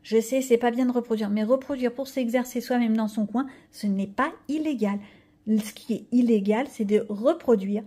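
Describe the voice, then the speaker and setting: A woman's voice: fairly high pitch, moderate pace, mellow, slightly rough. A middle-aged woman chatting casually in a haul vlog, rambling with fillers and restarts as she shows her purchases. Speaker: coloring channel vlogger.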